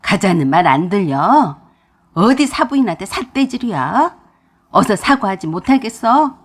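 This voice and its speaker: A woman voicing a stern, domineering older father-in-law who scolds gruffly. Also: on the low side, sing-song, measured pace, voice pushed down, heavily acted. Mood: commanding.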